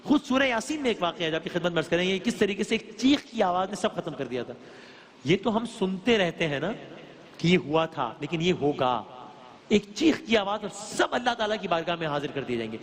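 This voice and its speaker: A woman's voice: lowish voice, big pitch swings, in a large hall. A woman giving an earnest religious lecture on scripture, often putting questions to her listeners. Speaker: religious speaker.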